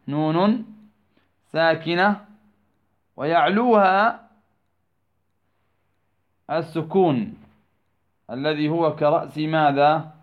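Slow, questioning teacher on a tinny line. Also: male voice, fairly high pitch. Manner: asks rhetorical questions and answers them himself, repeats key words; slow, drawn-out phrasing. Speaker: Quran recitation teacher. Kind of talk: tajweed lesson, explaining verses of a poem. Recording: tinny phone-like recording.

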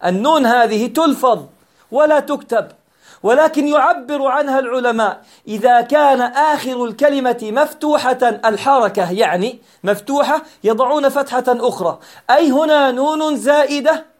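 High-voiced man teaching grammar. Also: moderate pace. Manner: patient, repeats key points, asks and answers his own questions. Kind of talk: explanatory grammar lesson.

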